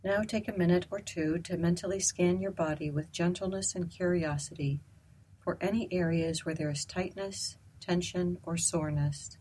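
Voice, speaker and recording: A woman leading a guided loving-kindness meditation, speaking slowly, softly and gently. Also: on the low side, a little hiss or hum, rough recording. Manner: slow, soft, calm and gentle.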